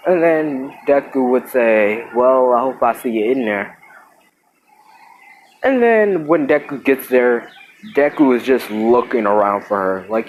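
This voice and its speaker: A man's voice: mid-range voice, poor audio. A young man narrates a fan-made story in a loose, rambling way, stopping to correct himself. His voice sits in an ordinary middle range. A faint hiss of background noise runs under the recording. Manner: rambling retelling with restarts, voicing characters lightly.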